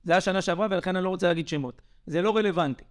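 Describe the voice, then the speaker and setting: Young adult male podcaster, high-pitched, agitated, emphatic storyteller. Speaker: podcast co-host. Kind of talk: heated podcast monologue.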